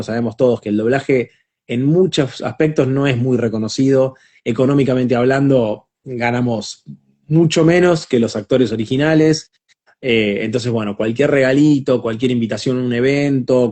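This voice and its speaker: A man's voice: mid-range voice, mellow. A man being interviewed as a guest voice actor, talking in a reflective, casual way with frequent small restarts.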